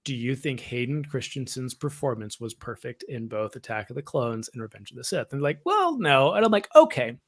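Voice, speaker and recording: Talking fairly quickly with few pauses, this man has a sing-song, mid-range voice. As a co-host of a fan podcast, he chats casually about Star Wars and lays out his opinions in a conversational way.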